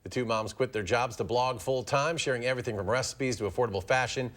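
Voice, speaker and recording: A man's voice: medium pitch, quick pace, a bit bright. A man with an American accent reading scripted news as an anchor.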